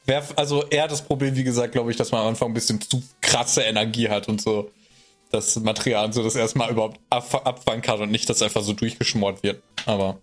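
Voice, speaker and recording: A man's voice: medium pitch, fairly even intonation, fast talker, soft background music. A man hosting a casual podcast chat, laughing often and loosely steering the talk between segments. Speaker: podcast host and moderator.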